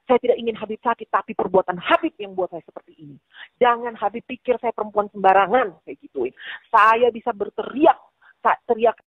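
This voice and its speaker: A woman's voice: fairly high pitch, animated, fairly quick, no room sound. A woman giving a heated personal account, agitated and quoting her own past words. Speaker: woman in a leaked recorded call. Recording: tinny phone-line recording, dry.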